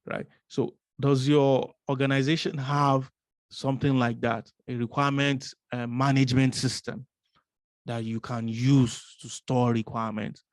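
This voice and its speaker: A man's voice: medium pitch, little pitch movement, a little slow, no room sound, studio quality. A man teaching a business analysis course, explaining step by step, asking rhetorical questions and often adding "right?". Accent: non-American English.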